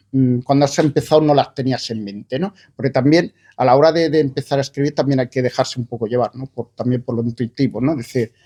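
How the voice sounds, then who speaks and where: Hesitant, thoughtful man with a mellow voice. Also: mid-range voice. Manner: hesitant, thoughtful, many fillers and restarts. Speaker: author presenting his book. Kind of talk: conversational book presentation talk.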